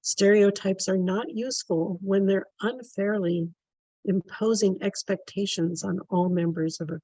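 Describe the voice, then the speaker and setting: Woman moderator, slow, deliberate read, dry close sound. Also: mid-range voice, darkish tone, no echo, rough recording. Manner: slow, measured delivery. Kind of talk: prepared presentation.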